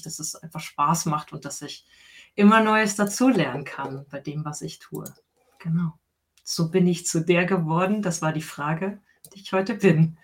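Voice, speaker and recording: This is a middle-aged woman from Saxony who works as a coach. She answers interview questions earnestly and at length, explaining step by step and breaking into soft laughs. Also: deep voice. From Saxony, Germany. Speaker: coach and guest.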